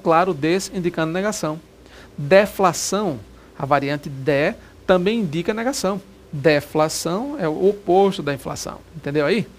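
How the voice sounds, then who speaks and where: A man teaching a recorded grammar lesson for exam prep, lively, and always asking the viewer questions. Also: high-pitched, a little hiss or hum.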